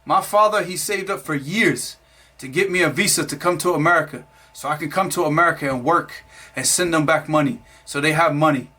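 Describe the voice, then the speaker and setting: A man quoting a calm, patient restaurant manager. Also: on the high side, fairly quick, breathy edge. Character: calm, weary immigrant male restaurant manager.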